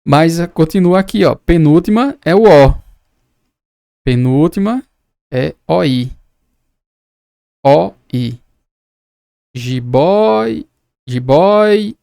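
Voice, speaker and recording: A man's voice: on the high side, expressive, slow pace, vocal fry, long pauses, warm tone, clear, resonant tone, no room sound, clean studio sound. A man from Brazil teaching an exam-prep lesson, patiently repeating and breaking down words as he explains quiz answers. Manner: patient, repeats and spells out words, casual asides.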